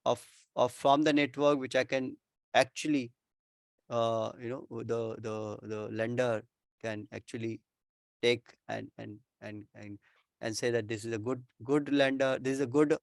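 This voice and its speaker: A man's voice: mid-range voice, vocal fry, no room sound, studio quality. A man with an Indian accent explaining things informally as an expert answering questions, often repeating himself and checking with "right?". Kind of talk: informal explanatory Q&A with worked examples.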